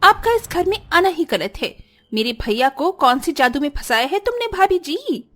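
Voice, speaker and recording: A woman's voice: extremely high pitch, sing-song, normal speed, fairly bright tone, soft background music, pitched above the performer's own voice, exaggerated voice. A woman voicing a spiteful, arrogant young sister-in-law in a cartoon story, talking in a sneering, taunting way. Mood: scornful.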